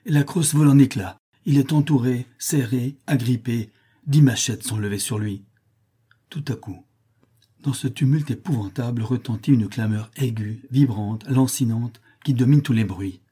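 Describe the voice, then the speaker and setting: A man's voice: mid-range voice, dark tone, breathy edge. A man reading an adventure novel aloud with vivid, emphatic delivery. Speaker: audiobook narrator.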